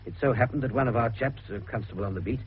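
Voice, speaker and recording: An actor playing a harassed, irritable British police superintendent in a radio drama, with a brisk, emphatic, exasperated manner. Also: male voice, medium pitch, close to an everyday voice. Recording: muffled radio broadcast, faint noise.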